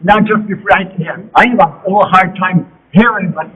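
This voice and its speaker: An older man from the audience at a public meeting, speaking in a gruff, blunt way and swearing as he complains. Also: sits high, normal speed. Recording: thin phone-like sound with faint hiss.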